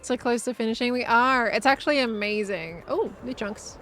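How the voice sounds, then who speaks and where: Give a woman live streamer with a fairly high voice and a deadpan, monotone way of talking. She comments casually on her game and chats to viewers, with music playing behind her. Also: moderate pace.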